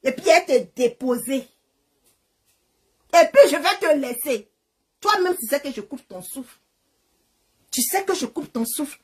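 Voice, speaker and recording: High-pitched woman ranting insults at a phone. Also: lively intonation, measured pace, pauses often. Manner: insulting, confrontational, taunting. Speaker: social media live streamer. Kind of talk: angry insult-filled rant to a phone. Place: living in Canada. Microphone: phone camera.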